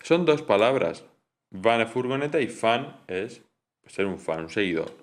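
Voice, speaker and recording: A man's voice: on the low side, sing-song, measured pace. Hesitant young man explaining linguistics. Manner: hesitant, frequent fillers and restarts, mixes English terms. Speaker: student explaining coursework. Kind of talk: informal study explanation.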